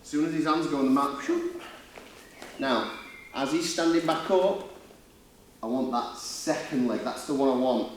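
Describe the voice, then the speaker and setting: A man with a Yorkshire accent coaching a martial arts seminar, talking through demonstrations step by step in an informal, blokey way with quick checking questions. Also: mid-range voice. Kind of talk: hands-on demonstration teaching with casual banter. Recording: echoey room, distant mic, faint noise.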